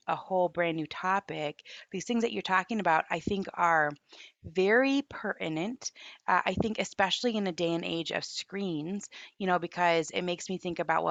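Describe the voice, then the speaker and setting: A woman hosts a podcast with a gravelly, low voice. Her sound is dull and lo-fi, and she asks curious questions. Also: no echo. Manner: warm interested questions, many affirmations. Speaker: podcast host. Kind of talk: casual interview conversation.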